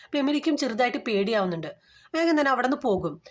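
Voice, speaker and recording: Higher-pitched woman chatting through a movie plot, easygoing recap, one thing after another. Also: sing-song, fast. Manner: chatty retelling, strings events with "then"; grows loud and urgent at tense scenes. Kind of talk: casual storytelling recap.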